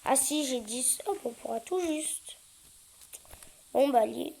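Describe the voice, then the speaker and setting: A high-pitched woman gives casual commentary over her gameplay, slow and unhurried, with a gravelly fry in her voice. She hesitates often and breaks out in sudden excited yelps. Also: a little hiss or hum, rough recording. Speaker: gaming YouTuber.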